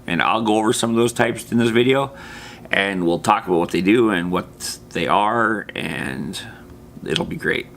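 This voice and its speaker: His voice is on the low side, creaky, and a little bright, and he keeps a moderate pace. This tabletop gaming presenter gives a casual, slangy explainer off the cuff, slipping into loose asides, with faint background noise.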